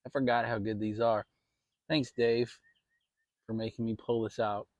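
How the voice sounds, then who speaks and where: A man's voice: mid-range voice, level tone, measured pace, no echo. Easygoing American man chatting outdoors, dry sound. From Maryland, United States. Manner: easygoing, rambling, mildly salty language. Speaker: vlog host. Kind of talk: casual outdoor backyard chat to viewers. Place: outdoors in a shaded backyard.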